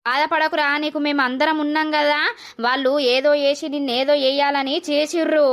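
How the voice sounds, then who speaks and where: A woman's voice: sits high, level tone, a little fast, natural voice. A woman voicing a soothing protective mother-in-law. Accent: Telangana Telugu. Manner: soothing, reassuring. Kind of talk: animated village drama voice acting.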